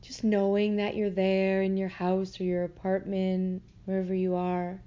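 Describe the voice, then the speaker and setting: Speaking at a medium pitch, this woman leads a guided meditation with a calm, gentle, unhurried pace broken by long silences. Her tone is clear and resonant yet monotone, though the recording sounds a bit muffled.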